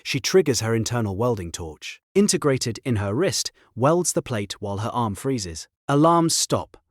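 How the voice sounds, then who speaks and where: A man narrating a story in short, clipped, terse sentences with a husky voice. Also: medium pitch, sing-song, normal speed, dry recording, studio quality.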